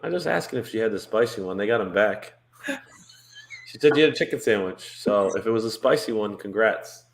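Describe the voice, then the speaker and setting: A man's voice: fairly low pitch, expressive, fairly quick, vocal fry, a little hiss or hum. A man co-hosting a casual livestream, rambling with many fillers and restarts. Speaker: co-host of a cruise livestream. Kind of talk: casual live-stream chat.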